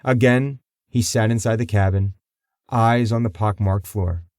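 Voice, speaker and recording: A man reads a crime novel aloud in a low, steady voice. His pacing is measured and even, and the sound is close and dry with no room around it. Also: no room sound. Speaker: audiobook narrator. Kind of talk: scripted narration.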